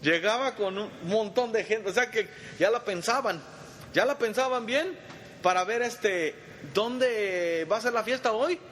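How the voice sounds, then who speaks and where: A man's voice: high voice, a little slow, fairly bright tone. A man teaching a Bible study in a conversational way, quizzing his group and calling them brother, in a church meeting hall. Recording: long reverb, faint background noise.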